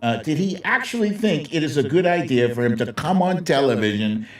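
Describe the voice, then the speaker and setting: A man with a slightly high, expressive voice talks fairly quickly while hosting a live political commentary stream, casual, opinionated, and sardonic, with salty slang. The mic is distant, the room echoes, and music plays behind him.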